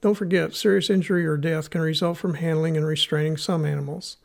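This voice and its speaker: A man with a Missouri accent hosts an educational podcast, reading scripted material in a measured, instructional way. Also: a little high, fairly even intonation, creaky. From United States, Missouri. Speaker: podcast host.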